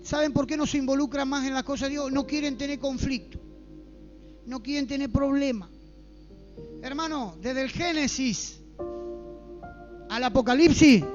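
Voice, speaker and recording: A man's voice: very high voice, a little mellow, highs cut off. A man with an Argentine accent preaching a fervent sermon in church and asking the congregation rhetorical questions.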